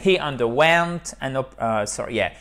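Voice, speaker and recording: Man teaching English, chatty. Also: medium pitch. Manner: lively, repeats words slowly, asks ok?. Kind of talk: casual video lesson.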